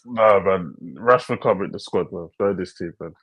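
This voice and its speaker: Husky low young man, slangy. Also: moderate pace, no echo. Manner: slangy, calls others brother and bro. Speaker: podcast co-host. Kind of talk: casual chat.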